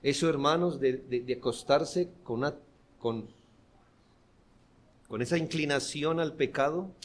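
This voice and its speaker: A man preaching a sermon as pastor, earnest and building to forceful emphasis. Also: a little high, measured pace. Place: church.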